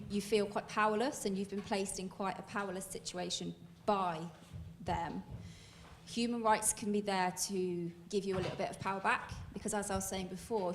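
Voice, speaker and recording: A woman's voice: medium pitch, slight background noise. A woman speaking on a panel at a public Q&A, thoughtful and hesitant, with many fillers.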